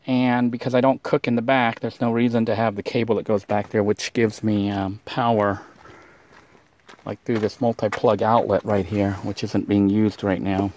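Standing outside beside a van, a man narrates his cooking in a casual how-to vlog, his fairly low voice moving at a normal speed. His delivery is relaxed and rambling, packed with fillers.

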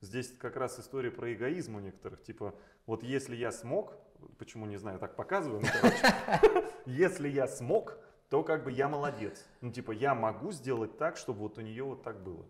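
A man's voice: medium pitch, brisk. Co-host, man with a mid-range voice, playful and jokey, lapel mic in a studio. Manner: joking, teasing interjections. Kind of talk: casual chat. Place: bright studio, seated on chair.

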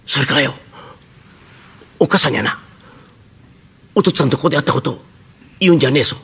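A man playing a rough-spoken working-class father in a rakugo tale, with an old Tokyo dialect, gruff and clipped. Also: a little high, expressive, fast talker, fairly bright tone, heavily acted. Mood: gruff tender. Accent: Edo Tokyo dialect. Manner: gruff and clipped, choked with emotion. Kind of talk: traditional rakugo storytelling.

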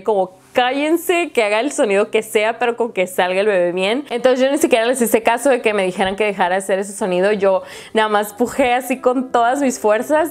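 Candid young woman vlogging. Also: on the high side. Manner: chatty, candid, full of fillers, laughs often. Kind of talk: casual storytelling to camera.

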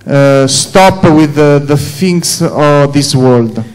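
A man's voice: on the high side, very slow, smooth. A man interpreting a sermon phrase by phrase into English in a church hall, hesitant with many fillers. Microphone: handheld microphone.

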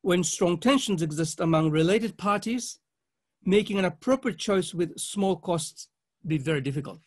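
At an academic conference, a legal scholar with a high-pitched voice gives a formal, slide-based presentation. He speaks in a measured, halting way, in short phrases.

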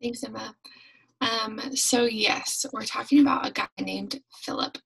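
A young woman leads a youth church devotional from her bedroom, telling a Bible story in a friendly way with many ums into a webcam at her desk. Her voice is fairly high, steady, and unhurried, creaky, a bit bright, and husky. The audio quality is poor.

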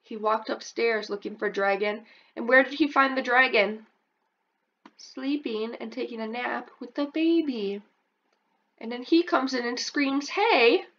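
A preschool teacher reads a picture book aloud to children, often pausing to ask them about the pictures and raising her pitch for the characters' lines. She takes her time, her tone is fairly bright, and the recording's highs are cut off.

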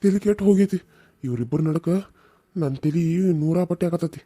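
A woman's voice: fairly low pitch, expressive, moderate pace, dark tone, husky, dry recording. A woman voicing an evasive, coaxing village husband in a cartoon serial, with a North Karnataka Kannada accent. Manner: coaxing, defensive.

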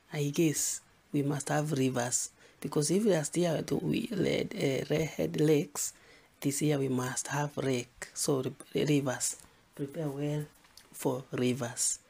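A Kenyan teacher runs an exam revision lesson, listing topics and repeating key points for emphasis in a repetitive, emphatic style. His voice is fairly high, creaky, dark in tone, and slightly rough.

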